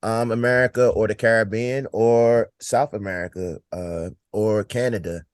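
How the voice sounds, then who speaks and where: A man answering as a podcast guest, explaining things in a measured, informative way. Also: on the low side, fairly even intonation, no echo.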